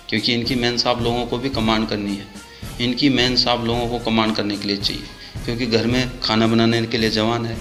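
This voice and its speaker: Angry male soldier, mid-pitched, ranting with rhetorical questions, echoey room and faint music behind. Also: sharp tone. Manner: indignant, hammering rhetorical questions. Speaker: soldier speaking out. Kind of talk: impassioned protest monologue.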